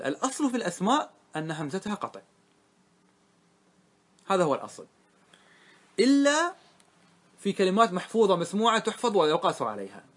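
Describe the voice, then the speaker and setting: A man teaching a classroom grammar lesson, explaining step by step and often asking his listeners if it is clear. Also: high voice, a bit bright. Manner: asks the class questions and answers them himself.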